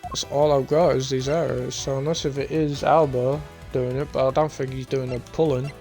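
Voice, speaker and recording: A man's voice: mid-range voice, flat delivery, moderate pace, creaky, darkish tone. A man streaming a game, thinking aloud in casual, hesitant commentary. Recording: game music behind the voice.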